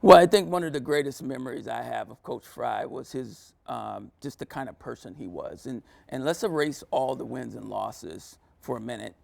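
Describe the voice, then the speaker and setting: Gravelly-voiced former player recalling his coach. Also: medium pitch, lively intonation, normal speed, hardly any pauses. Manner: earnest, reflective, many "you know" fillers. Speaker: former player, interview guest. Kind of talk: sit-down interview.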